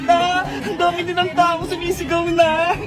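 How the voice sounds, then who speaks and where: A woman voicing an excited, chatty young girl who giggles and talks straight to her viewers. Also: very high-pitched, normal speed. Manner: excited, giggly, talking to the audience. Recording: loud music and crowd noise.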